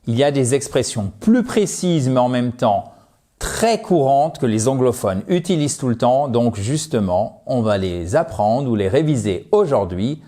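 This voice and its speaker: A man teaching English in an online lesson, playful with jokey asides and slowly repeated words. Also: medium pitch, animated, warm tone.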